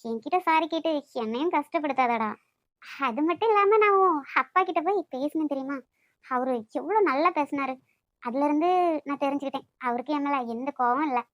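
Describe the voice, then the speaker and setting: A woman voicing an outspoken, sharp-tongued young woman in an animated story. She speaks with a Nagercoil Tamil accent and talks in a quick, teasing, scolding way. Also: sits high, dry recording, clean studio sound. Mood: tender. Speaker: voice actor for an animated love story. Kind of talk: cartoon voice acting.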